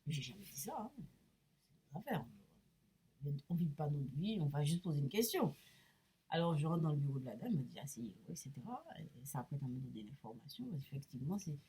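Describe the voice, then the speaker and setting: A middle-aged woman telling about her experiences in a rambling personal vlog, hesitant and full of restarts, sometimes dropping to a soft murmur. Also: sits low, sing-song, brisk, husky. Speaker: medium vlogger. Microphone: camera mic.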